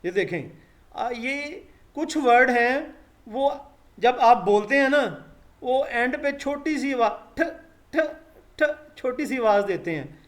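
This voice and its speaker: A man with a fairly high voice gives a live online English lesson. He speaks, calls his students "beta" and drills each sound slowly and patiently. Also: animated. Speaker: English teacher.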